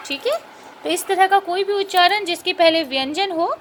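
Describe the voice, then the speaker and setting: A woman teaching a grammar lesson. She explains patiently, checks in with rhetorical questions, and spells out and repeats sounds slowly. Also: extremely high pitch, fairly bright tone, slight background noise.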